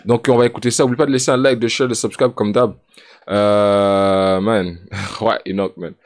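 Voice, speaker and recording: A man's voice: lowish voice, little pitch movement, moderate pace, no room sound, clean studio sound. A man giving casual, joking reaction commentary as a streamer, mixing English slang into his talk. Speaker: streamer reacting to a music video.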